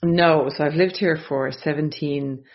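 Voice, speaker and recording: A woman's voice: sits low, fairly even intonation, unhurried, dull audio. A woman from Ireland, speaking upbeat as an interview guest. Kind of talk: remote interview conversation.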